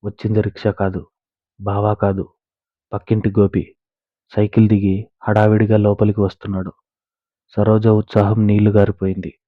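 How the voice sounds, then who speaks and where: Monotone low-voiced male storyteller. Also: moderate pace, long pauses, no echo. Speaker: narrator. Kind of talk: scripted story narration. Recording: tinny phone-like dry recording.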